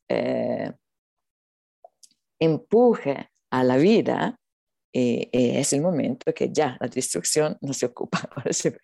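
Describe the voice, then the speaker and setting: Spiritual teacher, non-native Spanish, creaky and dark-toned, earnest, feeling for words, close dry recording. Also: mid-range voice, dry recording. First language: not Spanish. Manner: earnest, halting, searching for words. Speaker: spiritual teacher being interviewed. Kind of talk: unscripted spiritual talk.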